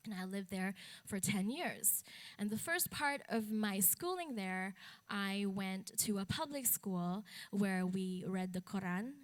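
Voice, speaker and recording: Slow and expressive in a mid-range voice, a young adult woman from the Philippines gives a conference talk on stage as a speaker and advocate. Her tone is candid and plain-spoken, touched with wry humor.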